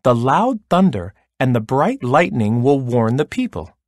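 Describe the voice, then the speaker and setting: A man's voice: medium pitch, sing-song, unhurried, no echo, clean studio sound. A man voicing the Sun as a busy, caring male sky spirit in a storybook tale. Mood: kindly.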